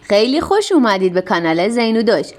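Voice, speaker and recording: A woman from Iran who hosts her own language lesson channel, slowly repeating each example sentence with care. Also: mid-range voice, very animated. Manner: slow careful repetition of example sentences. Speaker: German language teacher.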